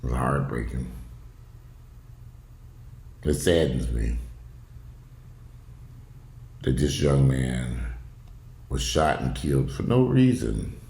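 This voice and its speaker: A man's voice: very deep voice, expressive, takes it slowly, creaky, long pauses, mellow, roomy sound. A man giving casual, opinionated video commentary at home, talking in a blunt, profane, rambling way. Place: indoors at home.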